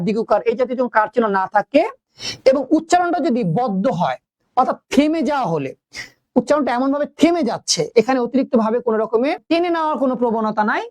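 A male teacher giving a lesson at a brisk, rapid pace. He keeps quizzing his students and circling back over the same rule. The sound is close and dry, with no room around it. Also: extremely high pitch, a little mellow, no echo. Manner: asks the class questions and repeats key points. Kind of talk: classroom lesson.

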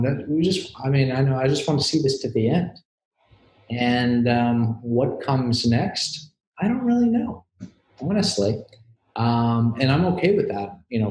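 A man speaking as a filmmaker guest in a casual interview, thoughtful and hedging, filling pauses with "you know". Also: mid-range voice, darkish tone, reverberant, low-quality recording.

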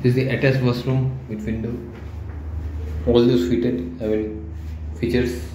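A man from India narrating a walkthrough of an empty furnished flat, speaking plainly and haltingly as he points things out, filmed on a handheld phone. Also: medium pitch. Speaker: property tour guide. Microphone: handheld phone camera. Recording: echoey room with loud air-con and traffic hum.

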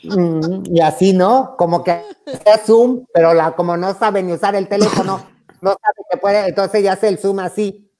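A woman with a Mexican accent tells a story to friends. She talks in an easy, casual way. She acts out each quoted voice and breaks into laughter often. Her voice sits at an ordinary middle pitch. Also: moderate pace, mellow. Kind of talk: casual anecdote among friends.

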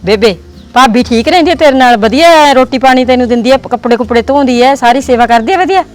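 A woman's voice: high-pitched, expressive, faint music behind. A woman playing a caring married daughter with a Punjabi accent, talking with her old mother. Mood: earnest. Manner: quick, pleading. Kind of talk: village drama acting.

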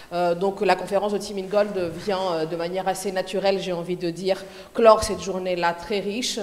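A woman's voice: lowish voice, a little mellow. A woman with a French accent giving a hesitant, filler-heavy introduction as a conference organizer in a large lecture hall. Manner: hesitant, many fillers, halting in English. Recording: roomy hall with long reverb, faint noise.

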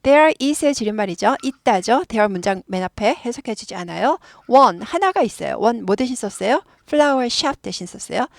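A woman, a native Korean speaker, explains an English dialogue as a lively teacher who repeats phrases for drilling. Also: fairly high pitch, normal speed, creaky, few pauses, dry recording, studio quality.

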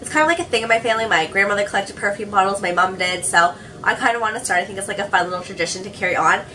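A woman's voice: mid-range voice, very fast, pushed and bright, distant mic, a little hiss or hum, rough recording. A young woman chatting casually as a beauty vlogger, sounding a little sick with a cold and saying "like" a lot. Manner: chatty, says "like" often. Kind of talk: casual chat.

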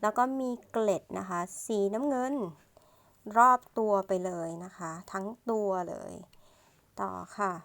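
A woman's voice: mid-range voice, gravelly, fairly bright tone. A woman, reading an English storybook aloud line by line and patiently explaining each part as a teacher. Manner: slow, patient, ends phrases with polite particles.

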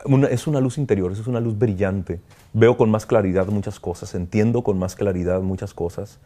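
Low, mellow-voiced priest. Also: male voice. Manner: earnest, halting, reflective, with frequent "¿no?". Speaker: priest, kidnapping survivor interviewee. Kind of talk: emotional interview testimony.

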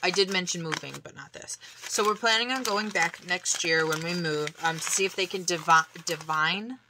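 A woman chatting casually to camera as she shows off a shopping haul, rambling with many fillers and laughs and now and then dropping into soft, breathy asides. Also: on the low side, normal speed, background noise. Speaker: vlogger showing a shopping haul.

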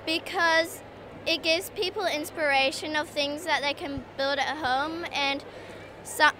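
A woman answering an interview question in a halting, thoughtful way. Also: sits high, pushed and bright, a little hiss or hum.

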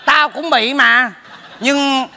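Nosy neighbor guy roasting his buddy, high bright voice, hall echo. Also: gravelly, some chatter behind, heavily acted. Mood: teasing. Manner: teasing, rapid mocking scolding. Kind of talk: stage comedy sketch.

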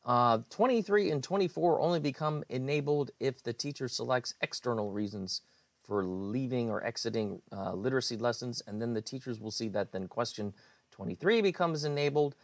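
A man's voice: mid-range voice, lively intonation, moderate pace, dry recording. Man walking through a screencast, dry sound. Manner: plain explanatory, with fillers. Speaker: IT director presenting website updates. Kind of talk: screencast walkthrough.

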